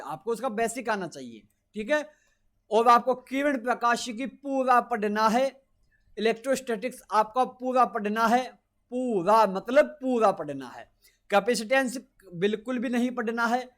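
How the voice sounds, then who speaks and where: A man's voice: very high voice, fairly bright tone. A man teaching physics in an exam-prep lecture, repeating his points emphatically and reassuring his students. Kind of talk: exam-prep lecture over screen notes.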